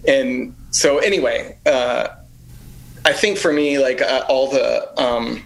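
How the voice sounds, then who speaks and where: A man's voice: mid-range voice, slow, vocal fry, poor audio. A man in his fifties, a guest musician in a casual conversation, talking reflectively and rambling with lots of fillers. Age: 50s.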